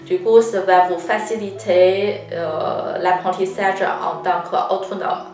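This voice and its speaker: A Chinese woman with a Chinese accent giving a patient language lesson, often pausing on "euh" as she explains. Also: lowish voice, fairly even intonation, darkish tone. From China. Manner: frequent hesitations with "euh", deliberate and patient. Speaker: Chinese teacher. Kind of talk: slow, careful language lesson. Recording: roomy, slightly distant mic with faint guitar music.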